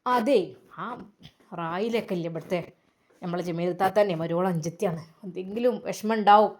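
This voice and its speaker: A woman's voice: medium pitch, moderate pace, darkish tone, voice pushed down, natural voice. A woman voicing an uneasy young husband. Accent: Malabar Malayalam. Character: young female man, anxious husband Shammas.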